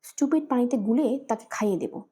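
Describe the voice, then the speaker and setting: A woman's voice: fairly high pitch, a little fast, slightly rough. A woman voicing an angry middle-aged mother who scolds her daughter over the phone. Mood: furious. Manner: sharp, scolding.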